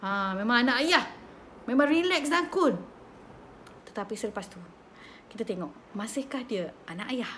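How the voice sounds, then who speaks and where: A woman in her thirties with a Malaysian accent, hosting a parenting talk and telling stories in a chatty, animated way. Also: a little high, normal speed, pauses often, a little hiss or hum. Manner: chatty, code-switching, animated storytelling. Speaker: host of a parenting slot. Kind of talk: casual live chat, storytelling.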